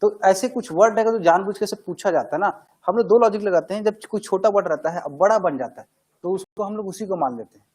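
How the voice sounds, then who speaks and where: A man's voice: sits high, fast, darkish tone, slightly rough, rough recording. A man teaching a grammar class, talking conversationally and answering his own questions. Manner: conversational, asks questions and answers them himself.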